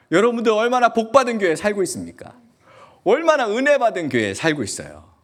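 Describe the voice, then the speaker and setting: A male pastor with a Gyeongsang accent, preaching a lively sermon and asking the congregation question after question. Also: high-pitched. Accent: Gyeongsang Korean. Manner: animated, asks the congregation many questions; acts out quoted voices in dialect. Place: church sanctuary.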